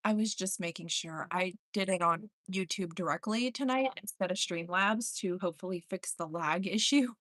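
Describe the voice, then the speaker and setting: A woman's voice: lowish voice, moderate pace, hardly any pauses, a bit bright, no room sound. A woman hosting a casual live stream spirit session, chatting to spirits and viewers by name and relaying replies aloud.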